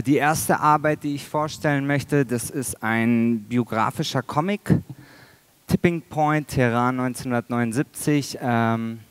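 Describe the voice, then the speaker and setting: A man's voice: mid-range voice, clean tone, no room sound. Man presenting his work on stage. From Iran. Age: 30s. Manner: halting, many fillers, dry humor. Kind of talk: conference presentation. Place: large dark auditorium stage. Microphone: headset mic.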